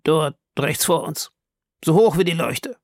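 A man voicing an eager, blunt male harpooner who exclaims excitedly in an audiobook reading. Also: on the high side, unhurried, no room sound, clean studio sound, voice pushed up. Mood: insistent.

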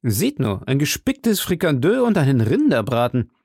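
A man reading an audiobook voices an eager, quick-witted young musketeer with a brisk, teasing, exclaiming manner. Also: mid-range voice, huge pitch swings, a little mellow, no echo, studio quality, pitched above the performer's own voice.

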